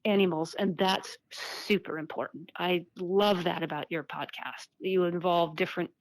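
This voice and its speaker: A woman's voice: fairly low pitch, fairly even intonation, no echo. Earnest woman on an old flip phone call. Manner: earnest, halting, with repeated words. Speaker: interview guest, activist and author. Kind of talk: reflective interview conversation.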